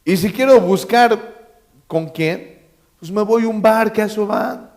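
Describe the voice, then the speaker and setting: A man's voice: sits high, a little slow, darkish tone. A man preaching a sermon as pastor, emphatic, repeating key phrases and quizzing his congregation with joking asides. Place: church.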